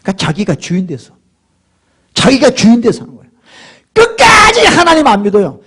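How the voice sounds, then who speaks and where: A middle-aged man preaching a sermon as pastor, swinging from hushed murmurs to loud, emphatic exhortation. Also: very high voice, wildly swooping pitch, a little fast, breathy edge.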